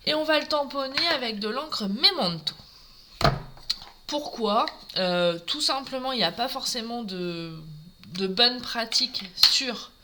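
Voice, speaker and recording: A woman's voice: a little high, noisy background. A French woman with a Norman accent, chatting through a live crafting tutorial and greeting viewers as she works. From France. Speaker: craft demonstrator.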